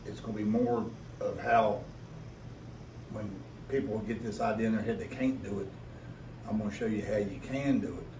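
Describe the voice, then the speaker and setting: A man's voice: lowish voice, steady tone, normal speed, long pauses, darkish tone. West Virginia Appalachian man, rambling and folksy, roomy. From West Virginia, United States. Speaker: podcast co-host. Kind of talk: casual podcast chat. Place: echoey room, away from the mic. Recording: roomy, distant mic, faint background noise.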